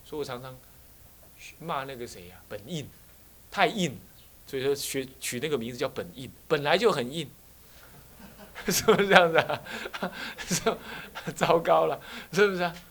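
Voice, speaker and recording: In a teaching room full of students, an abbot with a Taiwanese Mandarin accent tells stories and poses rhetorical questions again and again during a Buddhist sermon lecture. He speaks at a moderate pace in a fairly high, slightly bright voice.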